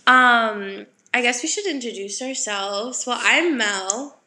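A woman's voice: a little high, slow pace, bright, forceful tone, roomy sound. A young woman from Wisconsin co-hosting a casual podcast, chatty and full of fillers. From Wisconsin, USA. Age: young adult. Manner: chatty, filler-heavy, giggly. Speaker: podcast co-host. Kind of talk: casual chat.

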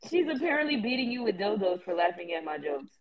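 A woman's voice: medium pitch, very animated, fast, muffled recording. A woman co-hosting a casual chat, riffing bossily for laughs. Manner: bossy comic riffing, laughs often.

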